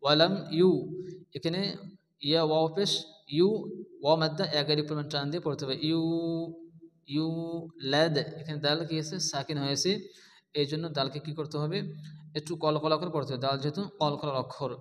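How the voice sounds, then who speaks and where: A man teaching Quran recitation step by step. He asks and answers his own questions and repeats each word slowly. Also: a little high, steady tone, long reverb tail.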